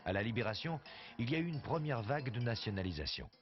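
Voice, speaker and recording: A man's voice: mid-range voice, very animated, fast talker. A man narrating a documentary from a script. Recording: dull soundtrack with faint music.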